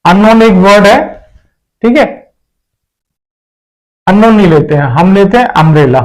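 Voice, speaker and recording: A man's voice: sits high, animated, moderate pace, rough recording. A man teaching a grammar lesson, explaining step by step and often repeating himself to check that listeners follow. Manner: repetitive, explains each point step by step. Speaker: English teacher. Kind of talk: classroom-style grammar lesson.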